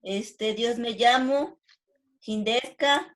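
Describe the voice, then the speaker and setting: Slow, unsure woman student. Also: on the high side. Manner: slow, unsure, careful word listing.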